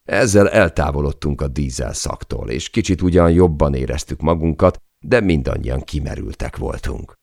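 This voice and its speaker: A man reading an adventure memoir aloud as an audiobook narrator, in measured, dramatic storytelling. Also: rumbling low, creaky, a little mellow, no echo, studio quality.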